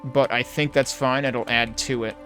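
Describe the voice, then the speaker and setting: He speaks at a moderate pace in a medium pitch with little movement, offering laid-back gameplay commentary. It's critical, analytical thinking aloud from a video game player, backed by game music.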